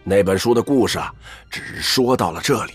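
An actor playing a wry, middle-aged assassin uncle in an audio drama, talking like a storyteller with lots of interjections. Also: male voice, on the low side, moderate pace, husky, faint music behind. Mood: storytelling. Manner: drawling, storyteller-like, peppered with interjections. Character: wry, theatrical older male assassin uncle, Su Zhe. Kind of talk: audio drama character acting.

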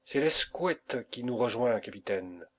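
A man reading the part of a male sailor who shouts urgent warnings at the helm. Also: mid-range voice, expressive, a little slow. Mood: alarmed.

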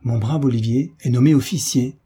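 A man's voice: medium pitch, moderate pace, mellow, husky. A man reading as a hearty old sailor. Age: older. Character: old sailor veteran, joyful, warm uncle.

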